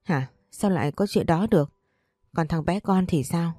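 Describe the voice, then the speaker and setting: A woman's voice: lowish voice, moderate pace, mellow, dry recording, soft background music, natural voice. A woman voicing a worried elderly mother who asks anxious questions, in a storybook reading.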